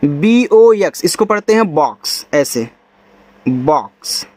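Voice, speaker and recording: A man's voice: high-pitched, animated, unhurried, darkish tone. A man with an Indian accent teaching English reading, spelling each word letter by letter and then sounding it out. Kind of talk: reading lesson in Hindi.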